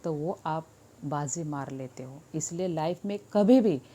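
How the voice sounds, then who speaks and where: A woman's voice: deep voice, unhurried, warm tone, a little hiss or hum. A woman teacher, reading a story to children and explaining each line. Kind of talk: bilingual story lesson for children.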